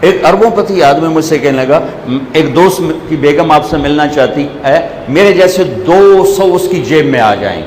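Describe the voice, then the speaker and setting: Male preacher, storyteller who recites Arabic verse and shifts between hushed and raised delivery; long hall reverb. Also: fairly high pitch, lively intonation, few pauses. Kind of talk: sermon. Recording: echoey hall with faint background noise.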